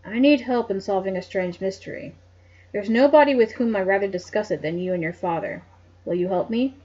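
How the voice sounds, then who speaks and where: An earnest, calm middle-aged male doctor talks in a read-aloud mystery, voiced by a woman in her own voice. The voice is husky, and the lo-fi recording sounds dull. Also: mid-range voice, fairly quick, lightly acted.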